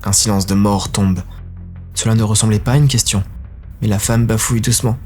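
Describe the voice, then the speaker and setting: Man narrating a dark audio story. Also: fairly low pitch, fairly even intonation, fairly quick, soft background music. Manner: grave, intense storytelling.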